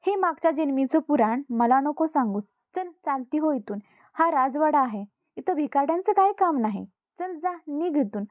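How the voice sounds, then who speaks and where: A woman voicing a haughty, angry rich queen who scolds and shouts with scorn. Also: high voice, animated, moderate pace, no room sound. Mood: scornful, shouting.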